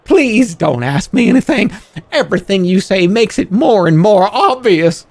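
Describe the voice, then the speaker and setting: A man's voice: sits high, sing-song, normal speed, no room sound, pitched above the performer's own voice, heavily acted. A man voicing a squat, fearful game creature, a reluctant fortune teller who talks hesitantly and evasively. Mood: fretful, pleading. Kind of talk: voiced game character on a livestream.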